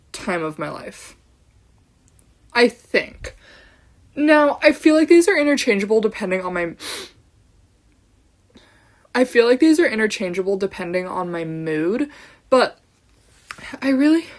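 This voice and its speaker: A young woman hosts her own podcast alone, talking straight to her camera in a loose, bubbly ramble. She fills her speech with "like" and "um" and wanders off on tangents with a giggle. Her voice sits at an ordinary middle pitch. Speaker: podcast host. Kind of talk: casual solo podcast chat.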